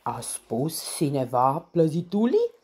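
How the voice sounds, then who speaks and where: A woman's voice: deep voice, huge pitch swings, warm tone, husky, voice pushed up, heavily acted. A woman doing a lisping, demanding lion king. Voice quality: thick lisping voice. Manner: bossy, roaring demands.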